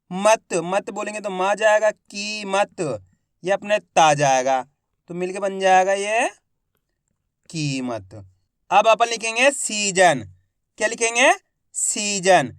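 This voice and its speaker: A man teaching Hindi reading in a slow phonics lesson, sounding out each syllable and then blending it into the word, asking the viewer questions and answering them himself. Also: sits high, a bit bright, no echo, studio quality.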